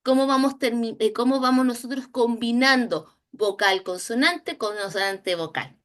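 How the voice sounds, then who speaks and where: A Chilean woman teaching a recorded training lesson on early reading, slowly sounding out letters and syllables. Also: on the high side, a bit bright. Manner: slow, drawn-out modeling of sounds and syllables. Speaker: instructor.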